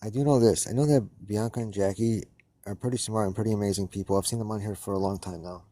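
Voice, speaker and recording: A man's voice: on the low side, steady tone, fast, warm tone, no echo. A man on a live-stream debate panel, swearing and holding back his anger. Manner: swearing, barely restrained anger. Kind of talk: heated live-stream argument.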